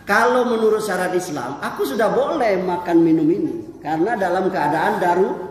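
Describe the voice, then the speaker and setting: A man's voice: high voice, expressive, normal speed, a little hiss or hum. A man preaching speaks as a steadfast male companion of the Prophet, firm and resolute. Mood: defiant. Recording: echoey hall with long reverb.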